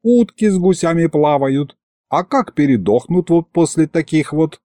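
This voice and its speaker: A man voicing a jealous old grandfather who mutters in a creaky, sarcastic way. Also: a little high, animated, moderate pace, mellow, dry recording, clean studio sound, pitched above the performer's own voice, close to an everyday voice.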